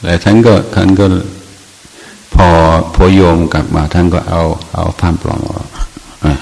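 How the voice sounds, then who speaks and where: An older man, a Buddhist monk, giving a reflective dharma talk in an unhurried, halting way with frequent restarts. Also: deep voice, fairly even intonation, vocal fry, a little mellow. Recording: long hall reverb.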